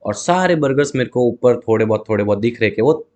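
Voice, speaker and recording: Quick and expressive, with a mid-range, slightly mellow voice, this man tells a story as a guest in a relaxed interview. He sells burgers, and he animatedly plays both himself and his customers, sprinkling in English words.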